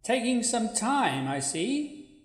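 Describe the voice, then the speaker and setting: A woman's voice: on the high side, big pitch swings, takes it slowly. A woman voicing the blunt, sulky ghost of a plain young woman, with curt, needling replies in a radio play. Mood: deadpan. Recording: echoey, roomy sound.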